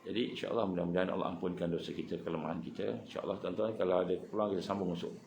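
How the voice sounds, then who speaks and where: A middle-aged man with a Malaysian Malay accent, a religious teacher giving a sermon, moving between low earnest tones and high emphatic bursts. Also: fairly even intonation, rapid-fire, creaky, a little mellow, slight background noise. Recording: echoey room with faint ambience.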